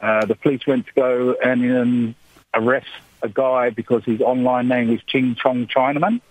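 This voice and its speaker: A man's voice: medium pitch, fairly even intonation, normal speed, husky. A man calling in to a radio show, telling his story in a dry, easygoing way over the phone. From England. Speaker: caller. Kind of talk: phone-in chat. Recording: tinny phone line.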